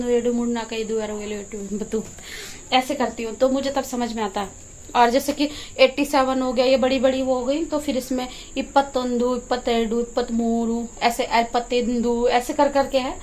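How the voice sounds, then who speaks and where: Chatty high-voiced woman vlogger. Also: a little hiss or hum. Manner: chatty, explains while doing chores. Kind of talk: casual home vlog chat. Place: home kitchen and yard.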